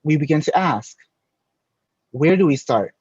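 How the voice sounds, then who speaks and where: A man from the United States narrates a scripted design presentation in a measured, rhetorical way. His voice sits a bit high. The recording is dry and dull, with no room sound. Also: animated, darkish tone, breathy edge, no room sound. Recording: dry, dull voice-over audio.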